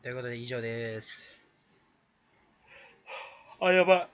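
A man's voice: animated, unhurried, clean tone, muffled recording. A man YouTuber rambling in a casual solo rant to camera, self-mocking and jumping between topics. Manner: rambling, self-mocking, bursts into shrill imitated laughs.

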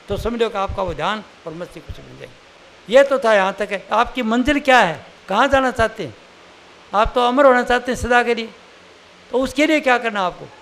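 High-voiced older man preaching. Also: fairly bright tone, slight background noise. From India. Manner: plain conversational preaching with examples. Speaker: spiritual teacher. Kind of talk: satsang sermon.

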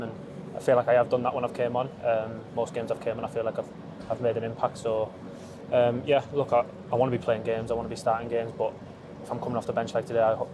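A man's voice: mid-range voice, background noise. A young man in his twenties giving a post-match interview as a footballer, hesitant with many ums and restarts, recorded outdoors in empty stadium stands on a handheld phone. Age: 20s. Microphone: handheld phone held up close.

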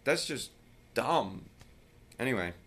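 A tired man chatting casually in a home vlog, rambling and sometimes dropping his voice very low. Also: very animated, slow pace, a bit bright, breathy edge. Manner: rambling, drops voice very low at times. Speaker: vlogger. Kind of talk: casual chat.

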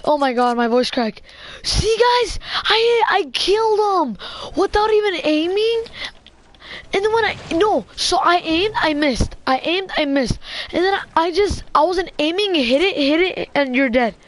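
Excitable high-voiced young woman gaming. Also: moderate pace. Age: 20s. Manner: excitable, rambling, heavy on "like" fillers. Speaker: gamer streaming. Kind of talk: casual gameplay chatter.

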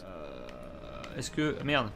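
A man's voice: extremely low pitch, huge pitch swings, drawn-out words, vocal fry, music in the background. A man commenting live on his own gameplay in a casual, hesitant way, swearing and breaking into sudden exclamations. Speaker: gamer playing and commenting.

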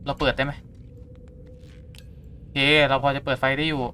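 Bright-voiced excitable man gaming. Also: mid-range voice, normal speed, slight background noise. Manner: excitable, talks to himself, swears in jest. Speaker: gameplay streamer. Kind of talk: casual let's-play commentary.

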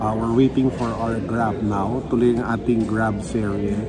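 Over a loud crowd, a man with a fairly low, steady voice talks at a moderate pace. He's a Filipino-accented travel vlogger in his thirties, bantering casually and playfully in mixed Tagalog and English. The footage comes from a handheld camera or phone at arm's length as he roams hotel rooms, malls, streets and restaurants.

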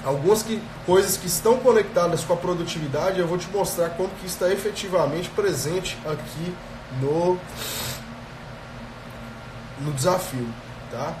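Speaking at a moderate pace in a high voice, a man in his thirties coaches productivity on a live stream, his accent Brazilian Portuguese. He has a cold, yet stays lively, speaking straight to his audience and checking in often with "tá?". The small indoor room echoes, and the phone's earphone headset mic catches him from afar amid background noise.

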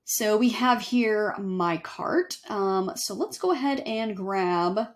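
A young woman giving a casual screen-share software tutorial, chatty and self-correcting as she walks through each step. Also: medium pitch, expressive, slow pace. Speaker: email marketing instructor. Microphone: webcam overlay on screen recording.

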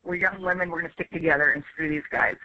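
A woman in her fifties, a guest on an interview podcast, talking frankly and with lively emphasis in casual conversation. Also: on the low side, quick pace, highs cut off, slight background noise. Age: 50s. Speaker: interview guest, former reality show contestant.

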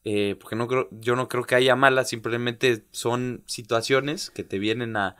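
Bright-voiced man, halting and reflective. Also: mid-range voice, fairly even intonation, smooth. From Mexico. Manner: halting, many restarts and "¿sabes?" tags. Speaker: interview guest, former pro footballer and youth coach. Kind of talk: reflective conversational interview.

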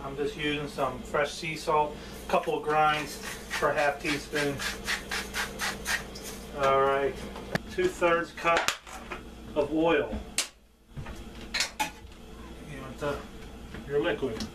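A man in his thirties hosting a cooking show as a chef, talking casually and plainly in a halting, informal way. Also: fairly high pitch, fairly even intonation. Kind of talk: casual instructional vlog talk. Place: indoors at home, table and kitchen. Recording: distant mic with background noise.

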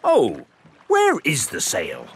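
A man voicing an excitable seafaring father dog in a children's cartoon, with hearty, blustering nautical exclamations. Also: medium pitch, slow pace. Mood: puzzled. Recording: music behind the voice.

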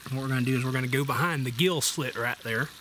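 A man's voice: medium pitch, quick pace, pushed and bright. A middle-aged man, talking through a casual how-to while working at an outdoor camp table. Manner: plain, folksy, step-by-step explaining while working with his hands. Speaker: outdoor survival vlogger. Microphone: camera mounted overhead. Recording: water pump noise in background.

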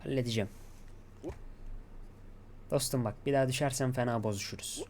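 Guy talking himself thru a game, keeps telling himself to calm down, bit of hiss behind. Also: medium pitch, fairly quick. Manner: talks to himself, coaxing and urging himself to stay calm. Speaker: gaming YouTuber. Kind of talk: gameplay commentary.

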